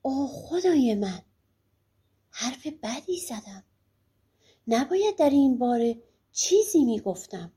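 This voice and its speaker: A woman's voice: high voice, sing-song, a little mellow, slightly rough, full character voice. A woman voicing a fretful old fortune teller. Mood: regretful. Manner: hesitant, warning.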